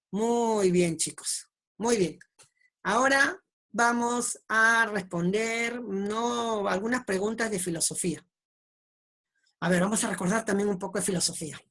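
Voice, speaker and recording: Woman, teacher, patient, step-by-step logic lesson, mid pitch, frequent check-in questions. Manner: patient, checks understanding with repeated tag questions.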